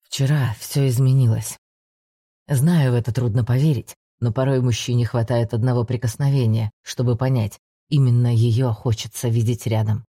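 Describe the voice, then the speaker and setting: A woman voicing a male necromancer professor, speaking in a soft, slow, coaxing way. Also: rumbling low, fairly even intonation, slightly rough, no echo, clean studio sound, voice pushed down, full character voice. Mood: tender.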